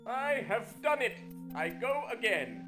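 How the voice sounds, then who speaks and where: A man's voice: very high voice, sing-song, takes it slowly, heavily acted. A man playing a formal, courteous video game opponent with an earnest, stilted, exclamatory delivery. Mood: courteous, delighted. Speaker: game character. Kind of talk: scripted video game voice acting. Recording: music under the voice. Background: game music.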